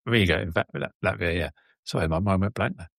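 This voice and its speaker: A man's voice: low voice, fast, creaky, a bit bright, no echo, studio quality. A man hosting an interview show, gracious and chatty, who thinks aloud as he talks. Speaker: podcast host.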